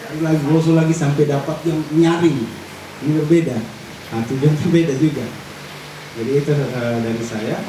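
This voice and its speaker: A man's voice: a little high, fairly even intonation, brisk, dark tone. Man explaining in an echoey hall. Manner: plainspoken, explains step by step while tapping an instrument. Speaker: instrument maker demonstrating at a workshop. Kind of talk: explanatory workshop demonstration. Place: large hall. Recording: roomy echo, distant mic, audible room noise.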